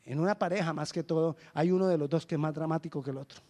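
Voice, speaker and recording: A male pastor preaching a lively sermon, acting out little dialogues with humor. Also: a little high, fast talker.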